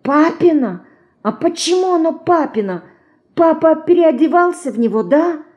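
A woman voicing an excitable, wide-eyed little girl in an audiobook, eager and breathless. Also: normal speed, lo-fi sound. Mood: excited. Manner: breathless, eager, high-pitched. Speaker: audiobook reader.

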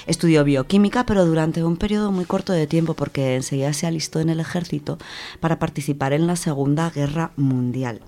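Low-pitched, mellow, and a little fast, a woman with an accent from Spain gives an informal talk for a radio book segment. She keeps it conversational and repeats words along the way.

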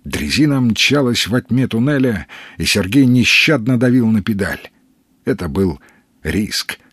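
Male audiobook narrator; husky, steady dramatic reading, dry close mic. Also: lowish voice, measured pace, no room sound. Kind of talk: scripted narration.

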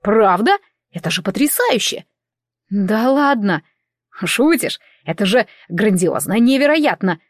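A woman voicing an excitable, bossy male elf priest, exclaiming and lecturing in an audiobook reading. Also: mid-range voice, moderate pace, no echo, studio quality, close to an everyday voice. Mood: excited.

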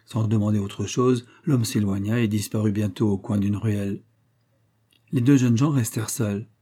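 A man narrating an audiobook in a steady, measured reading. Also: on the low side.

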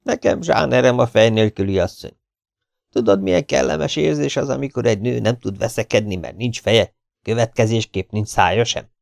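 A man's voice: mid-range voice, gravelly, dry recording, clean studio sound, pitched above the performer's own voice, lightly acted. A man voicing a fat, bearded fool who plays a mock prophet in a pompous, mock-solemn manner. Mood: gleeful.

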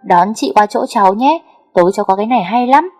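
A woman voicing a sweet, cheerful young niece in an audio story, talking lively and quick. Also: mid-range voice, faint music behind, lightly acted.

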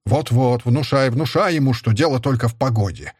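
A man voicing a stern, furious middle-aged father who is a historian, shouting with bitter scorn. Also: medium pitch, normal speed, slightly rough, dry recording, studio quality, lightly acted.

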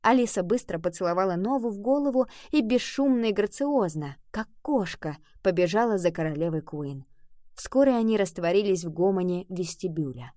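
Woman, audiobook narrator, expressive, dry close recording. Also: normal speed, no room sound. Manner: expressive, lifting pitch for dialogue.

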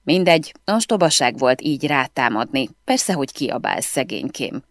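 A woman reading the part of an irritated famous actress who is sharp with people and gentle with her bird. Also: extremely low pitch, sing-song, dry recording, full character voice. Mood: soothing. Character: irritated famous female film star, young adult.

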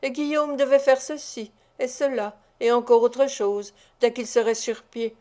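A woman's voice: fairly high pitch, fairly even intonation, measured pace, dark tone, natural voice. A woman reading the part of a sick, bitter male thief in an audiobook, speaking in a growling, resentful manner.

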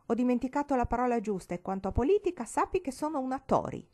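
Una donna che legge dà voce a una bambina prepotente e sfacciata, con tono canzonatorio e saccente. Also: female voice, on the high side, very animated, quick pace, darkish tone, voice pushed up. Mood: bossy. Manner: teasing, self-important. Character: bossy cheeky little girl. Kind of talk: audiobook reading.

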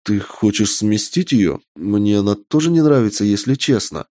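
A man voicing a young witch girl in a raised, lively voice, curious and quick to take fright. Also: fairly low pitch, no room sound, clean studio sound, natural voice. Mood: frightened. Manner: curious, then easily frightened.

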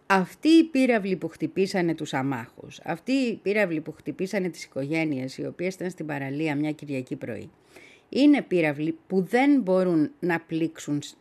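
A woman's voice: lowish voice, darkish tone. A woman commenting on a radio talk show, explaining points step by step and speaking directly to her co-host.

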